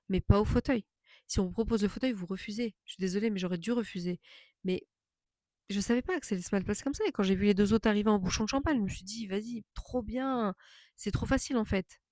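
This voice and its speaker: A woman speaks casually, as if chatting to viewers in a storytime vlog, with a mid-range pitch and a dry, close sound. She is indignant and emphatic, and circles back to repeat phrases for stress. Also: mellow, no room sound. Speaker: vlogger telling a personal story.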